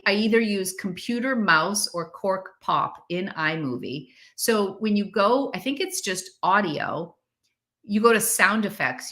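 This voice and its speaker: A middle-aged woman hosting a casual live stream, chatting in a fairly monotone way with lots of "like" and "um". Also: lowish voice. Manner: self-described monotone delivery, chatty with many "like" and "um" fillers.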